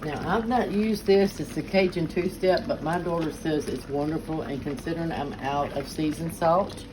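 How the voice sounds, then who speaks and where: A woman's voice: deep voice, moderate pace. A middle-aged woman, chatting through a home cooking demonstration with many "uh" fillers. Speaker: home cook. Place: home kitchen. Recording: noisy home kitchen ambience.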